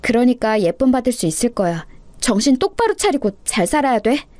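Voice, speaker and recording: A woman's voice: on the high side, sing-song, brisk, no room sound, voice pushed up. A woman voicing an earnest orphan girl who firmly comforts and lectures her little sister. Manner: firm, gently scolding.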